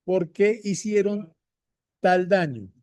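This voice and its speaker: A man teaching a Bible lesson to viewers, repeating his points slowly and speaking to them directly. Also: high-pitched, darkish tone, no echo. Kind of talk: slow deliberate bible teaching.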